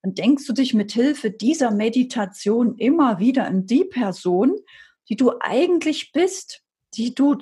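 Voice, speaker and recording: Husky-voiced woman coaching with emphasis. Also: on the high side, expressive, a little slow, warm tone. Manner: emphatic, asks and answers her own questions; repetitive, preaching cadence. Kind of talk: motivational podcast talk.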